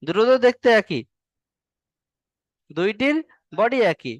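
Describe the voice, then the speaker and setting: A man's voice: high-pitched, big pitch swings, measured pace, no echo. A male teacher, patiently drilling Arabic letters in an online class and stretching the sounds long. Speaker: Quran reading teacher.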